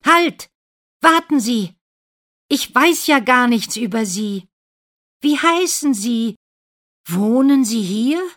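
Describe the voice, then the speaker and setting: A woman voicing an eager, insistent young prince who calls out loudly in a storybook reading. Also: low-pitched, big pitch swings, a little slow, breathy edge, exaggerated voice.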